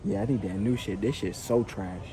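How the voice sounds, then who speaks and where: Inside a large retail store, a prank vlogger with a lowish voice chats at a normal speed, joking around with slang and swearing. He makes mock announcements into a walkie-talkie as part of the casual vlog.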